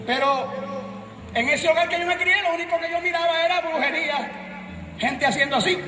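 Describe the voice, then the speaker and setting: A middle-aged Puerto Rican man with a Puerto Rican accent preaching a sermon, shouting emphatically and joking with the congregation. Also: extremely high pitch, fairly quick. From Puerto Rico. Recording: echoey room with music and crowd.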